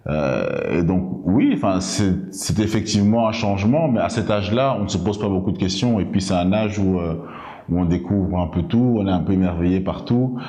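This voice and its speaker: Low-voiced hesitant man in his thirties. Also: expressive, warm tone, echoey room. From Congo. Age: 30s. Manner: halting, many fillers and restarts. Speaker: interview guest, local politician. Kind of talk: hesitant interview answers.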